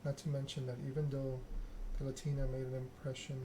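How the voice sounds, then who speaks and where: A man with a mid-range voice reads a video game's story aloud for an ASMR read-along, covering both narration and dialogue. His delivery is hushed and measured with very even intonation. The recording is noticeably noisy.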